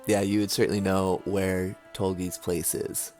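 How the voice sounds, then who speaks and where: Low-voiced man as game master. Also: little pitch movement, unhurried, darkish tone, faint music behind. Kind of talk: casual tabletop game narration.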